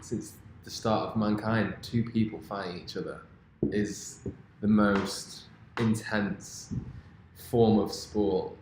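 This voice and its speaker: A man co-hosting a casual podcast, chatty and quick to laugh. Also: on the low side, steady tone, a little mellow, a little hiss or hum. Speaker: podcast co-host. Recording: echoey room, faint ambience.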